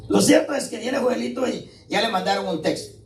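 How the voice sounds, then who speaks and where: A man's voice: very high-pitched, brisk, roomy sound, recorded from a distance, slight background noise. A male pastor preaching a sermon in a conversational way, often checking in with his congregation. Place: church hall.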